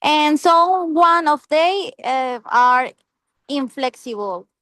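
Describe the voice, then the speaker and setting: A woman whose first language is Spanish practices English in an online class over a video call. She speaks slowly and haltingly, filling pauses with hums and ums while she searches for words. Her voice sits a little high, and the sound is dry and close. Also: expressive, fairly bright tone, no echo. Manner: hesitant, searching for words, many fillers. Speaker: English student.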